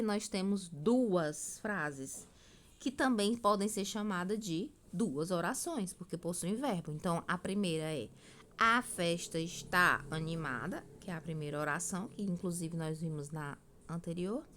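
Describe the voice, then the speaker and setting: A woman's voice: fairly low pitch, lively intonation, moderate pace, a little hiss or hum. A woman, teaching a recorded grammar lesson, explaining step by step and often checking in with her students.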